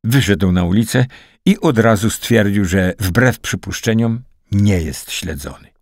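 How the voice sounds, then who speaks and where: A man narrating a wartime spy novel as an audiobook in a steady, dramatic reading. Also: lowish voice, a little slow, dry recording, studio quality. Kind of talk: scripted narration.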